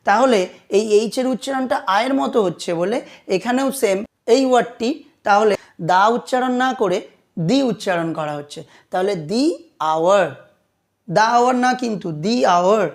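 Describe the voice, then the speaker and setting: A man teaching an English grammar lesson, repeating each rule slowly and often checking that students follow. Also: high-pitched.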